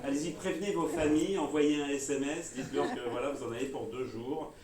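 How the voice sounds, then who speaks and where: A man's voice: a little high, fairly even intonation, brisk, a loud crowd. A man giving a comic stage talk, playfully teasing the audience. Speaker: speaker at a humorous talk. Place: cultural venue hall with a live audience. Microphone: handheld mic, filmed by smartphone from the audience. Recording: echoey hall, phone from far off, loud audience.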